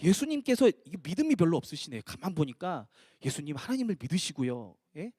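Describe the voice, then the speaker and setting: A man's voice: fairly high pitch, sing-song, warm tone, breathy edge, no echo, studio quality. A male pastor voicing a brash, impulsive male disciple who scolds and wheedles without thinking first. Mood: pushy scolding. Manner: wheedling, scolding, talking fast without filter.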